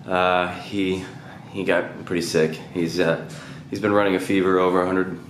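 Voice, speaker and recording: A man in his thirties talking casually to a handheld camera at home, low-key and plain-spoken. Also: flat delivery, moderate pace. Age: 30s. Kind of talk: casual vlog chat. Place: room at home. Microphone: camera at arm's length. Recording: echoey room, faint noise.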